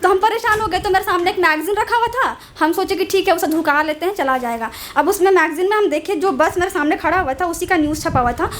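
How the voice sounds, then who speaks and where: A woman's voice: very high voice, a bit bright, slight background noise. A young woman, doing stand-up storytelling, then reciting a solemn poem on a small stage. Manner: chatty, laughing through the story, then slow and solemn in the poem. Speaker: stand-up comic and poet.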